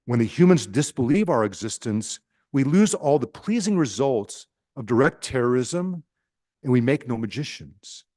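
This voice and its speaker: A man's voice: medium pitch, big pitch swings, normal speed, dark tone, no echo, clean studio sound. A man with a Nebraskan accent reading aloud as a scheming senior male demon advising an apprentice, in his own plain voice. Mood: scheming, instructive.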